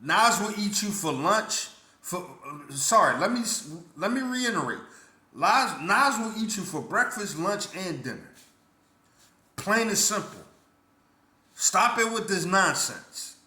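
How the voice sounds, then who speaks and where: A man vents his opinion in a casual vlog rant. His delivery is blunt and indignant, full of repeated words and restarts, with a fairly high, bright and forceful voice. The room around him rings with noticeable echo. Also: sing-song, takes it slowly. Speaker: vlogger. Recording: roomy echo.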